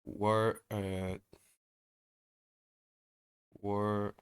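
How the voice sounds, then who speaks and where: A man talks through his practice exercises at an unhurried, drawn-out pace. His voice sits a bit low, and he stops often to search for words, filling the gaps with hesitations. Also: little pitch movement, clean tone. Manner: hesitant, many pauses and fillers. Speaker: language learner explaining exercises. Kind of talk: casual step-by-step explanation.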